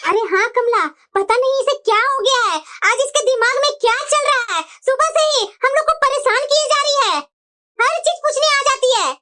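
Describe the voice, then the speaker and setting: A woman's voice: very high voice, a little fast, bright, forceful tone. A woman voicing a worried, weary middle-aged mother in a Hindi cartoon. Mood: fretful.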